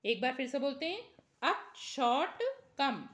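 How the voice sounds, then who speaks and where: A woman leads a classroom lesson in a high, bright voice. She reads each word pair at an unhurried pace, then adds quick explanations. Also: expressive. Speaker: Sanskrit teacher.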